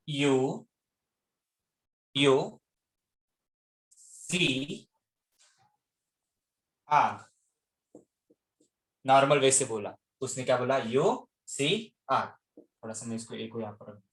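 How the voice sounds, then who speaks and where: Male teacher, slightly high pitch, call-and-response lecturing style, echoey room audio. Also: a bit bright. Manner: keeps quizzing students with repeated questions. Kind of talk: online class lecture.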